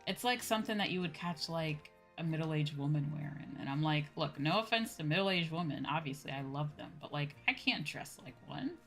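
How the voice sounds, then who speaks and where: Deep-voiced and a little fast, the woman streamer uses lively intonation with some vocal fry and few pauses. She's playing a game and casually rambling to her audience in slang while game music plays in the background.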